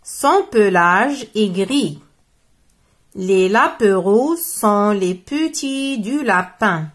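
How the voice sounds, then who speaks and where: A woman's voice: medium pitch, expressive, drawn-out words. A woman reading the lines of a young schoolgirl describing her rabbit, in a plain textbook manner.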